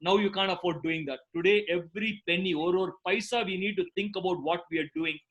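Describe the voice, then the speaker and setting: Fast, high-pitched South Indian man. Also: fairly even intonation, dull audio. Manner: emphatic, repeats points, switches between English and Tamil. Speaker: guest speaker, garment business founder. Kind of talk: motivational business talk answering audience questions.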